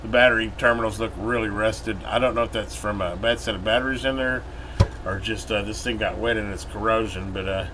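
A middle-aged American man with a lowish voice talks briskly, giving casual, rambling repair commentary and thinking aloud in a folksy manner. He hosts a repair channel and works at an indoor workbench, with a steady room hum like an air conditioner in the recording.

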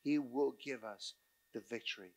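A male pastor preaching a sermon, telling a story with animated rises to emphatic peaks. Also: medium pitch, normal speed, creaky.

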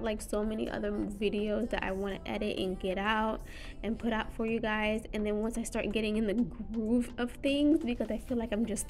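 A woman's voice: fairly high pitch, darkish tone. A woman in her thirties chatting casually to viewers at home, rambling with lots of fillers and restarts. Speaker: vlogger. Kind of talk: casual chat. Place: living room at home.

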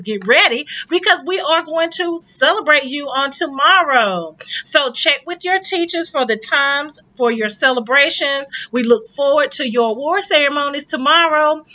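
A woman's voice: sits high, dull audio. A woman, an assistant principal, reading upbeat, encouraging school morning announcements over the intercom. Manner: upbeat, encouraging, warm sign-offs.

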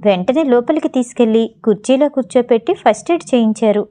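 A woman reading a story aloud as an audiobook narrator, steady and measured. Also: on the high side. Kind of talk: scripted narration.

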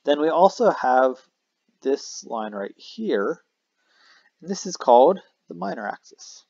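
A man talks through a math lesson in a relaxed, conversational way, pausing with fillers and fixing his own wording as he goes. His voice has a gravelly, creaky edge at a middling pitch. The recording is dry and a little dull, as from a modest lo-fi microphone. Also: no room sound. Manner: casual, self-correcting explanation with fillers. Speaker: math teacher. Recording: dry, slightly dull lo-fi mic.

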